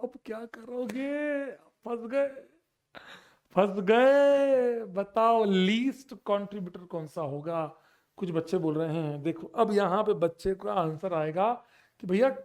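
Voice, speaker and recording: A young man teaching chemistry in an online exam-prep lecture, lively and teasing, mixing in English terms. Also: sits high.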